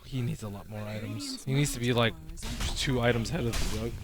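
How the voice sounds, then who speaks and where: A man giving measured, analytical commentary on an esports match. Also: medium pitch. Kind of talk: live game analysis.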